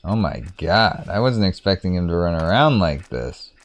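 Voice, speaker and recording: A man's voice: deep voice, animated, normal speed. A man giving casual, rambling commentary as he plays a video game, thinking aloud in a playful way. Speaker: gaming streamer.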